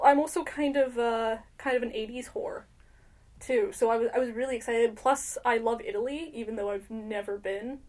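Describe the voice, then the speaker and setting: Young woman, fairly high voice, rambling casual podcast chat, lots of fillers and swearing. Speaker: podcast co-host.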